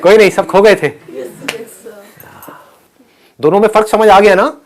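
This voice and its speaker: A man leading a live motivational session for students, animated and playful, often asking the audience questions. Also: high-pitched, a little slow, a faint crowd. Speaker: motivational speaker.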